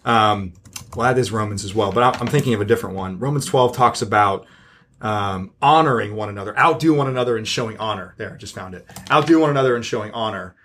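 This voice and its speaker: A man's voice: lowish voice, fast, a bit bright, slight background noise. A man who is a church elder and podcast co-host, chatting casually in an easygoing, teasing way. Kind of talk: casual chat.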